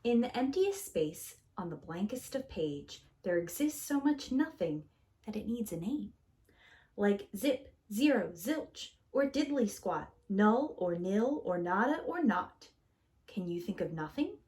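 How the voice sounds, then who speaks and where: With an unhurried delivery and a highly animated pitch, a female storyteller reads a picture book to small children, dramatically elongating key words in a theatrical preschool style.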